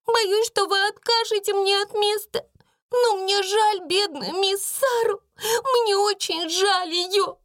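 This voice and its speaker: A woman's voice: very high voice, fairly even intonation, slow, a bit bright, no room sound, studio quality, pitched above the performer's own voice, full character voice. A sobbing, stammering servant girl. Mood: sobbing, pleading. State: crying. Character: young servant girl, timid and tearful.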